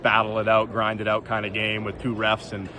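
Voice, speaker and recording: A man's voice: on the low side, completely flat delivery, brisk, bright, forceful tone. A man speaking as a basketball coach in a casual, earnest postgame interview.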